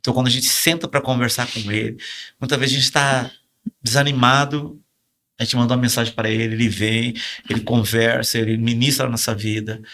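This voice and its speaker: A man's voice: mid-range voice, steady tone, brisk, a bit bright. A man with a Brazilian Portuguese accent, a pastor telling his testimony in a podcast conversation, emotional and acting out the quoted lines in a raised voice. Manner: emotional storytelling, acts out quoted dialogue in a raised voice.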